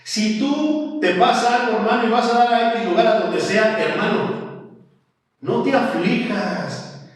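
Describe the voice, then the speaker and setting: High-voiced pastor preaching, echoey hall. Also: male voice, measured pace. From Mexico. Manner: animated preaching, acts out voices and questions. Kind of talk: sermon. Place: church. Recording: echoey church hall, from far off.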